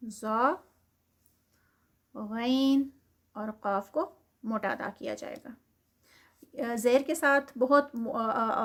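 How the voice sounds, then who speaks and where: A woman teaching Quran recitation, patiently drilling each letter sound slowly and mixing in English terms. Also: fairly high pitch.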